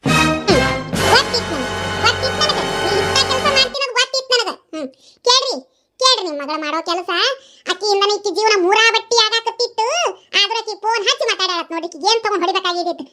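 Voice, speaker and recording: A woman's voice: very high voice, fast talker, sharp tone, faint music behind. A woman voicing a nagging middle-aged mother in a cartoon, scolding and mocking in a North Karnataka Kannada accent.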